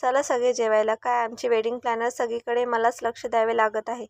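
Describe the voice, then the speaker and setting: A fussy, bossy middle-aged mother in a storybook tale, as a woman reads her. She scolds and teases in a fairly high, level voice. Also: little pitch movement, a little fast, a little mellow, no room sound, close to an everyday voice. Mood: fussing.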